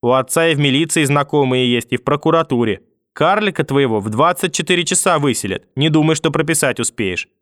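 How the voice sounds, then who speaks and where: A man's voice: medium pitch, lively intonation, moderate pace, no echo, clean studio sound, close to an everyday voice. A man reading an audiobook and voicing a furious, vicious old grandmother who scolds, curses and threatens. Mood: threatening.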